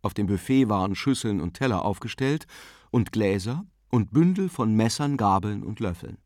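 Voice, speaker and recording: Expressive male audiobook narrator. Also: fairly low pitch, normal speed, no echo, studio quality. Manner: expressive, varied delivery. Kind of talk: scripted narration.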